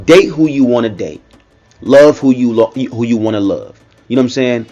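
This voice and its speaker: A man's voice: medium pitch, normal speed, warm tone, dull audio, faint music behind. A man giving casual reaction commentary, talking in a loose, repetitive way and often checking in with the listener. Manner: conversational, repeats himself, frequent "you know what I'm saying".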